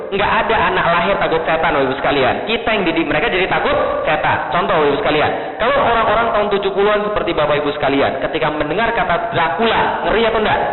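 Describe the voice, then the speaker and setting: High-voiced, fast-talking male preacher in an echoey hall. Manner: jokey, keeps quizzing the crowd with rhetorical questions. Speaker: Islamic preacher addressing a seated audience. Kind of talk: lively lecture to an audience. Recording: tinny phone-like sound in an echoey hall.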